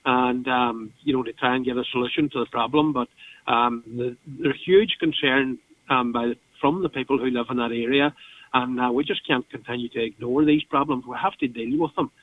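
A man with an Irish accent gives an earnest, halting interview answer as a local politician, repeating words as he goes. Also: mid-range voice, steady tone. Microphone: phone call. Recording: tinny, narrow phone line.

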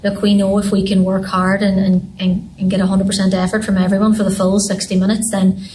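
A young woman with an Irish accent from Donegal talks as a team captain in a sports interview. Her delivery is flat and even at a medium pitch, with faint noise behind her. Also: fairly quick, poor audio. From Donegal, Ireland. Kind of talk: post-match interview talk.

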